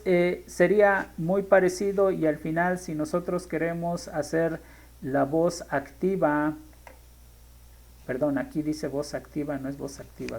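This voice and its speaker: A teacher talks through a grammar lesson at an unhurried pace. The voice carries a gravelly fry, and the speaker pauses to rethink and correct themselves along the way. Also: mid-range voice, darkish tone, low-quality recording. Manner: thinks aloud, stops often to correct themselves. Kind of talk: screen-share grammar lesson.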